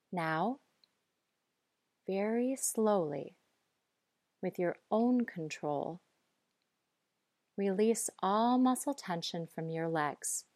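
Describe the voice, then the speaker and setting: A woman guiding breathing and muscle relaxation in a calm, measured, instructive way. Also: medium pitch, dry recording, clean studio sound. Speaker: guide.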